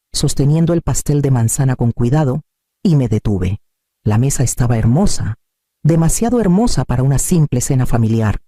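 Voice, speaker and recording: A man narrates a scripted story in a calm, measured way. His voice is deeply mellow and sits a little high. The sound is dry and close. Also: no echo.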